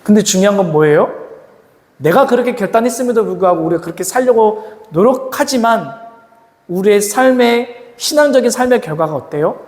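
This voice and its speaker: A man's voice: high voice, brisk. A man preaching to teenagers as a youth pastor, often asking the audience questions. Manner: lively, asks the audience questions and acts out quoted voices. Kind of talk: sermon to teenagers. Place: church hall. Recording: echoey hall with long reverb.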